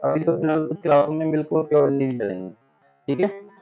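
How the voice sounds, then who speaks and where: A man's voice: on the high side, expressive, fast talker, creaky, highs cut off, over music. A middle-aged man from India teaching a spoken English class, patiently stretching out example words and calling his students "beta".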